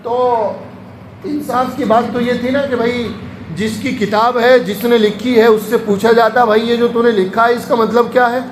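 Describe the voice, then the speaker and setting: Male preacher, very high voice, storytelling sermon that acts out the people in his anecdotes, echoey room. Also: little pitch movement. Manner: tells anecdotes, acting out voices of people in them. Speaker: Islamic preacher. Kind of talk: sermon-style storytelling lecture. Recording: echoey room with faint ambient noise.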